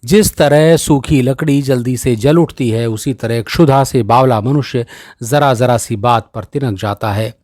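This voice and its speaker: A man reading a classic short story aloud as a storyteller, with steady, expressive narration. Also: medium pitch, unhurried, no room sound, studio quality.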